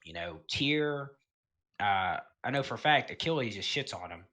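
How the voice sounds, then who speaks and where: A man casually talking through a game tier list, rambling and filling pauses with um and you know. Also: medium pitch, very animated, vocal fry, pushed and bright. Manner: laid-back, chuckles between points. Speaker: gaming video host.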